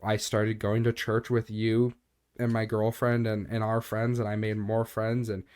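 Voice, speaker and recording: This young adult podcast co-host discusses faith earnestly and casually, rambling with frequent fillers and a recurring cough. His low, darkish voice is completely flat and measured, with a clean tone.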